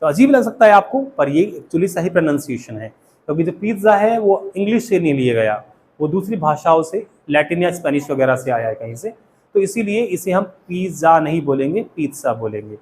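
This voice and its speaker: A man's voice: fairly high pitch, big pitch swings, a little fast, darkish tone, a little hiss or hum. A man with an Indian accent teaching a spoken English class, often quizzing the students and having them repeat after him. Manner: asks the class questions and has them repeat.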